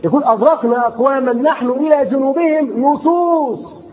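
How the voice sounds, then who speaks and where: A man's voice: very high voice, brisk. A man with an Egyptian accent preaching a sermon, reciting classical sayings and then repeating and explaining them in colloquial asides. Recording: tinny phone-like recording, faint noise.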